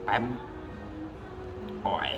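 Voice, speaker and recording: A man speaks extremely slowly on a muffled recording with music playing under him and clearly noisy ambient sound around. He's a product reviewer doing a casual, hands-on gadget review, informal and repetitive as he demonstrates each step.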